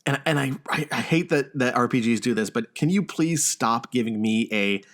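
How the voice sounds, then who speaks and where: With a medium-pitched, somewhat bright voice and a moderate pace, a man hosts a podcast, casually chatting about news and video games in a wry, joking, mildly profane way.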